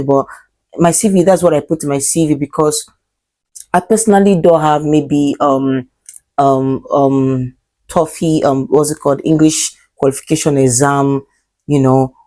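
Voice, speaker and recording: Her voice low and mellow, a Nigerian-accented vlogger in her twenties, who also teaches English, speaks casually to the camera. The talk drifts along with fillers and self-corrections.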